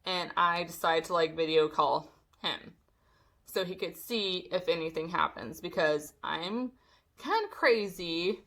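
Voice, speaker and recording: A young woman vlogger telling a storytime, animated and swearing as she acts out what people said. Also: on the low side, unhurried. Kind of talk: storytime vlog.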